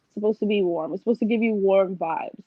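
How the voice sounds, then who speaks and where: A woman's voice: mid-range voice, quick pace, no room sound, highs cut off. A young woman from Washington, D.C., a designer chatting casually and laughing as an interview guest.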